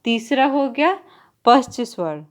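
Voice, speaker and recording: A woman's voice: fairly high pitch, expressive, takes it slowly. A woman teacher giving an exam-prep grammar lesson, explaining step by step and drawing out example sounds while writing on a board.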